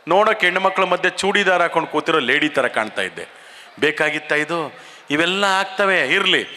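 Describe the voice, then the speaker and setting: A man, a mimicry comedian, telling comic stories on stage into a handheld mic in a chatty, animated way. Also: fairly high pitch, slight background noise. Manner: chatty, animated, quick asides. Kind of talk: stand-up storytelling. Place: event hall stage. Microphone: handheld mic through PA. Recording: stage mic in a reverberant hall.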